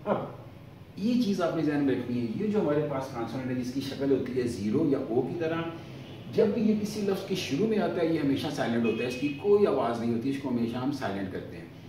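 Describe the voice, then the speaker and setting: A man teaching the alphabet who asks a question and then answers it, slowly drawing out each example word. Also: mid-range voice, lively intonation. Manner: slow, drawn-out repetition of example words. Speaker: language teacher. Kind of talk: explaining the alphabet. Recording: echoey, from far off, faint noise.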